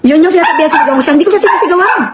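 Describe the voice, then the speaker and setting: A woman from Canada on a live stream at home, ranting indignantly in rapid bursts and firing off rhetorical questions. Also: very high-pitched, very noisy. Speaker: live-stream host and promoter. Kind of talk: heated live-stream rant. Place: home with barking dogs nearby.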